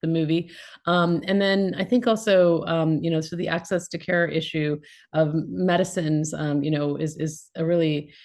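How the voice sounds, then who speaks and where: A woman's voice: low-pitched, steady tone, normal speed, a little mellow. A woman clinician interviewing a guest, asking questions and adding commentary in a conversational way with fillers.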